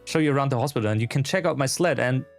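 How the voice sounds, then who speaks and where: A man's voice: medium pitch, very fast, natural voice. A man voicing an upbeat, chatty young technician and loyal best friend in a game, informal and reassuring, with music behind. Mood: excited.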